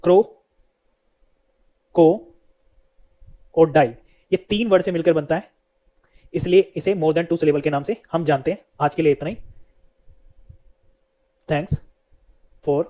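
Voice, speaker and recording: A man's voice: on the high side, steady tone, a little slow, pauses often, warm tone. A man teaching an English lesson, who keeps asking questions and then answers them himself. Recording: dull lo-fi sound.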